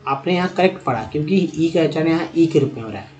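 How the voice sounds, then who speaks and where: A man's voice: fairly high pitch, expressive, fast, a little mellow. A man teaching English pronunciation in Hindi, asking questions and answering them himself and drawing out words syllable by syllable. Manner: drags out words and syllables when sounding them out. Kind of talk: Hindi-medium phonics lesson.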